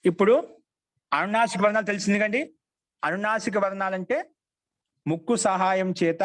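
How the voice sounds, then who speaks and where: High-voiced man teaching a grammar class. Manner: repetitive call-and-response questioning. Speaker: Sanskrit teacher.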